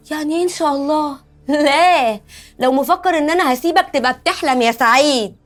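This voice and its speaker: A woman's voice: sits high, brisk, soft background music, close to an everyday voice. An actress with an Egyptian accent playing a divorced woman who angrily accuses the man who used her, in a film drama. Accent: Egyptian Arabic. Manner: accusing, indignant. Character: bitter divorced woman, betrayed lover.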